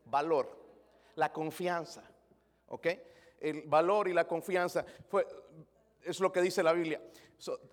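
A man's voice: high-pitched, big-room sound. A man preaching a sermon as pastor, asking the congregation questions and dropping English words into his Spanish.

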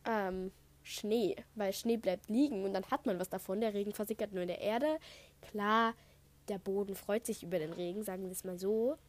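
A woman's voice: mid-range voice, fairly even intonation, normal speed. A thirteen-year-old girl from Saxony hosting her own podcast, chatting casually through listener questions and often drifting off topic with lots of fillers, recorded on a headset mic at home. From Saxony, Germany. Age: teenager, thirteen and a half. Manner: chatty, rambling, wanders off topic with many fillers. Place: at home, construction noise outside. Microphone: Apple headset.

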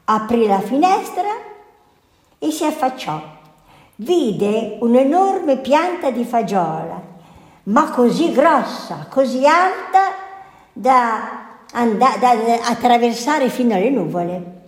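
A woman's voice: fairly high pitch, big pitch swings. A woman, a nun, reading a fairy tale aloud in a storytelling manner. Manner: slow, lilting storytelling. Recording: echoey hall.

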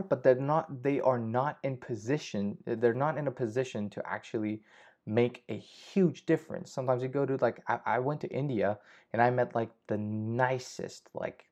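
A young man with a slightly mellow, mid-range voice hosts a casual solo podcast. He rambles, swears often and keeps restarting his sentences. The lo-fi audio sounds slightly dull.

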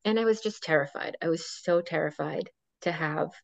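A woman's voice: low voice, moderate pace, no echo. A woman in her thirties, a podcast guest, chatting casually and telling a long story full of fillers and quoted dialogue. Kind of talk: casual chat. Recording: dull dry lo-fi sound.

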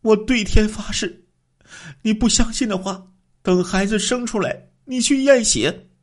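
A man's voice: sits high, a little slow, voice pushed up. A man voicing a frightened young wife, pleading tearfully with her husband. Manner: tearful, begging.

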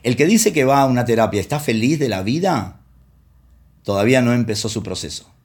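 A pastor who also works as a counselor preaches a conversational sermon, sharing anecdotes from his counseling and acting out the voices he quotes. His medium-pitched voice is animated and fairly quick.

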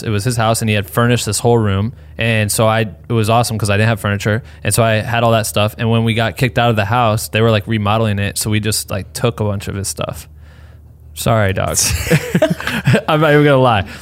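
Slangy young man on a podcast. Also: mid-range voice. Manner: slangy, rambling, laughs often. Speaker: podcast host. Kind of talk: casual podcast chat with ad read.

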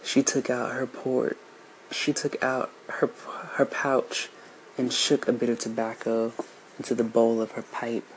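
A man reading a story aloud in a measured, descriptive way. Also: medium pitch, flat delivery, slight background noise, rough recording. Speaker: narrator.

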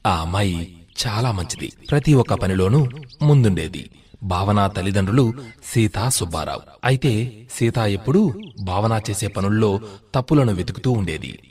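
A man narrating a moral children's story in a measured, scripted storytelling manner. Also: on the low side, lively intonation, a little mellow, husky.

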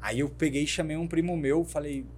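Lively Brazilian man telling his story. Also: on the high side, a little fast, a little hiss or hum. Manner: animated storyteller who acts out quoted dialogue. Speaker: guest, fashion brand founder. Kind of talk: storytelling in a podcast interview.

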